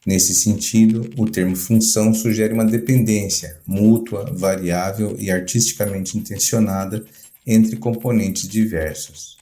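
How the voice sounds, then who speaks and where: A man narrating a scripted music theory lecture in a measured, deliberate academic way. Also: on the low side, fairly even intonation, mellow. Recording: roomy echo. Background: guitar music.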